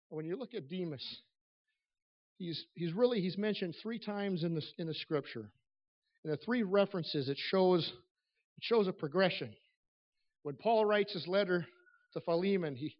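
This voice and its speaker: A man preaching a church sermon at a pulpit microphone, earnest and emphatic, speaking in halting phrases that swell and drop in volume. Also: on the high side. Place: large church room. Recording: echoey church PA, slightly dull.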